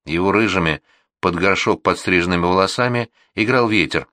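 A man reading a war memoir aloud as an audiobook narrator, with an expressive, measured delivery. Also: low voice, no echo.

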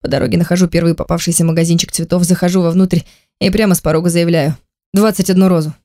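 A reader giving measured first-person audiobook narration into a close microphone. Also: mid-range voice, little pitch movement, dark tone, no echo.

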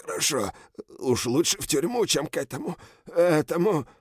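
A man voicing a wounded captive general who pleads for his life and then threatens his captors, hoarse and strained. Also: deep voice, normal speed, dry recording, studio quality. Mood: pleading. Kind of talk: audiobook character reading.

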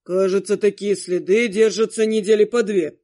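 A woman's voice: steady tone, normal speed, warm tone, natural voice. A woman voicing a grumpy but caring male ghost monster in an audiobook, with curt, grumbling lines. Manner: curt, grumbling, low put-on voice. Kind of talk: audiobook character voice.

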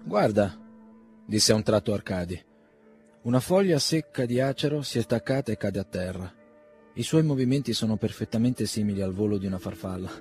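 A man reading a classic novel aloud in a measured, even narrating voice. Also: on the low side, faint music behind. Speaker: audiobook reader. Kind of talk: literary audiobook reading.

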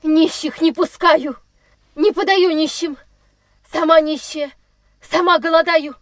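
A woman's voice: very high voice, steady tone, slow pace, fairly bright tone, dry recording, studio quality, voice pushed up, full character voice. A woman voicing a thin, feverish middle-aged aunt who shrieks frantically at unwanted children. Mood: furious.

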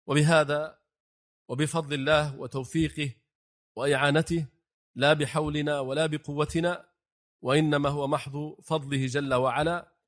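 Deliberate man teaching a religious class. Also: fairly high pitch, fairly bright tone. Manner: slow and deliberate, poses rhetorical questions to the class. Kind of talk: religious lesson on the call to prayer.

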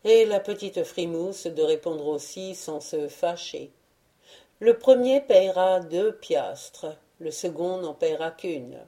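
A woman reading a literary audiobook in a measured, unhurried way. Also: lowish voice, lively intonation, dark tone. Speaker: audiobook reader.

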